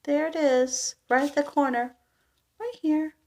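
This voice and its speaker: A woman reads a children's picture book aloud at an unhurried pace. Her voice is fairly high and gentle, and she softly comments on the story for young listeners. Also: steady tone. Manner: gentle, with soft sympathetic asides.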